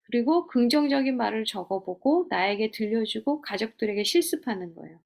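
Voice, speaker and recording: Gravelly-voiced woman teaching gently. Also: a little high, expressive, brisk. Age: middle-aged. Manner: gentle, coaching, asks rhetorical questions. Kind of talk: teaching lecture on communication.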